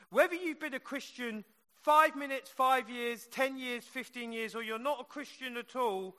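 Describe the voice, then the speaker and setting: A man's voice: very high voice, sharp tone. A man preaching a sermon in an emphatic, conversational way, repeating phrases, with R's that come out like W's. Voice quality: cannot say R's, which sound like W. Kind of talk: sermon with plain, chatty asides.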